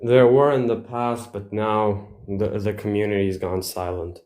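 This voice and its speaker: A man's voice: fairly low pitch, fairly even intonation, a little slow, a little mellow. A young Bosnian man, a non-native speaker, chatting casually as a livestream guest, hesitant and full of fillers and restarts. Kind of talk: casual chat.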